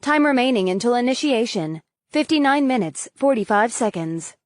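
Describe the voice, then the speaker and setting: A woman's voice: on the high side, lively intonation, normal speed, no echo, clean studio sound, natural voice. A woman voicing a cold, mechanical female system announcer in an audiobook, speaking in a formal announcing manner. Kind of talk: audiobook character voice.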